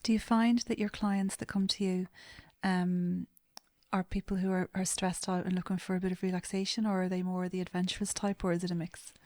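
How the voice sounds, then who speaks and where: A woman hosting a podcast asks her questions calmly and steadily. Her voice is lowish and stays very flat in pitch, with little rise or fall. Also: brisk. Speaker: host, psychotherapist.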